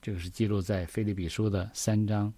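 A man's voice: on the low side, steady tone, brisk, dark tone, no echo. A man preaching a sermon, reading scripture verses and explaining them earnestly, often asking the listeners questions.

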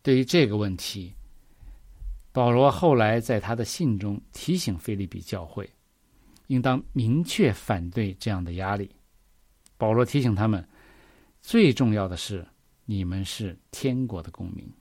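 A man's voice: fairly low pitch, lively intonation, unhurried, a little mellow, no echo, studio quality. A man preaching a sermon, reading scripture verses and explaining them earnestly, often asking the listeners questions.

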